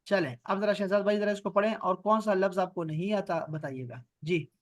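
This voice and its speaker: A man with a Pakistani Urdu accent teaches an online class over a video call. His voice sits high and sounds dry and close to the mic. He repeats words patiently and checks in with his students often. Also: no room sound. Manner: patient, repeats words slowly for students, asks "theek hai?". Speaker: Arabic and Quran grammar teacher.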